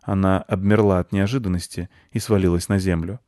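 A man narrating a children's story in an even, measured way. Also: sits low, no echo, clean studio sound.

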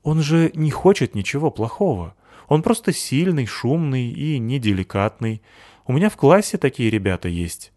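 A man voices a gentle young schoolboy in a children's storybook. He talks calmly and reasonably, in a soft and thoughtful way. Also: medium pitch, normal speed, no echo, clean studio sound, voice pushed up, close to an everyday voice. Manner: calm, reasoning.

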